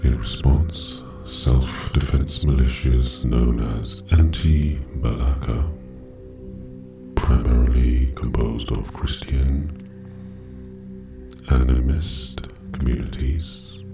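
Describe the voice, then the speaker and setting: A man giving slow, measured scripted narration for a meditation, reading evenly with long pauses. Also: rumbling low. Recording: echoey, distant voice over music. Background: music, singing bowl.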